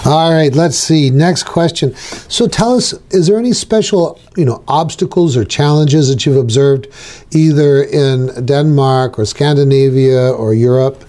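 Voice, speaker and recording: A man's voice: mid-range voice, measured pace, mellow. A man hosting a casual interview and putting questions to a guest. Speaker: interviewer and host.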